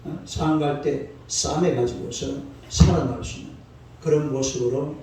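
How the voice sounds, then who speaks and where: The warm, mid-range voice of a pastor in his sixties moves at an ordinary pace through a dawn sermon that's folksy and scolding, with the congregation prompted to answer back. It's recorded in an echoey sanctuary from a distant microphone, with faint noise.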